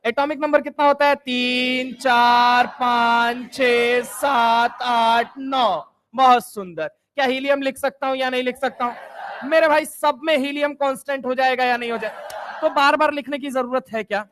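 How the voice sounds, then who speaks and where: A young man teaching chemistry in a lively classroom lecture, firing repeated questions and teasing his students. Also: extremely high pitch, unhurried, slight background noise. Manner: repetitive call-and-response questioning.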